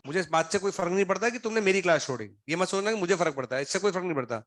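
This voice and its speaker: A man's voice: high-pitched, expressive, rapid-fire, fairly bright tone, no room sound. A male coaching teacher scolding his students in class, stern and sarcastic, grilling them one by one while running a fever. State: feverish, throat unwell.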